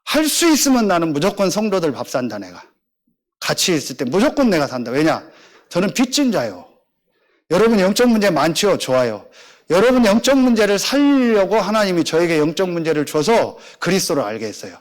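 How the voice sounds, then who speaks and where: A middle-aged male pastor, preaching a sermon and acting out the voices in his stories. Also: brisk. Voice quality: animated storytelling, acting out dialogue in lower voice.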